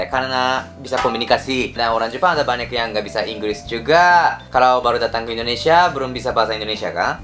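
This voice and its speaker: A man's voice: mid-range voice, fairly bright tone. A young man from Kansai in Japan with a Japanese accent, chatting playfully to camera and slipping in Japanese particles. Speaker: vlogger. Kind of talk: casual chat to camera.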